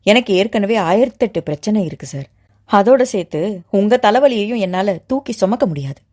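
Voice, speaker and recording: A woman's voice: mid-range voice, expressive, moderate pace, darkish tone, close to an everyday voice. A woman narrator voicing a proud young widowed mother who speaks in a heated, agitated, insistent way.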